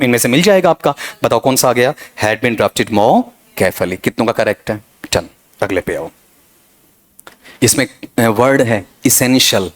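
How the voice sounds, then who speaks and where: Man teaching grammar, quizzing students. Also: medium pitch. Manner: addresses students as "beta", quizzes with rapid questions and self-answers. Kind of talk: exam-prep grammar lesson.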